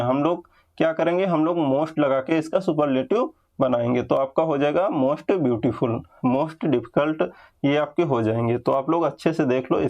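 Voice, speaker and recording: A man with a slightly raised pitch teaches an exam-prep grammar lesson. He explains patiently, repeats his points, and slows right down to drag out each example word. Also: a little mellow, dull audio.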